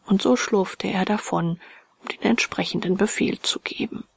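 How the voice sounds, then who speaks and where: Husky woman reading in hushed whispers. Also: medium pitch, dry recording. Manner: often half-whispered, slow and hushed. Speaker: audiobook reader. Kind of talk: scripted narration of a ghost story.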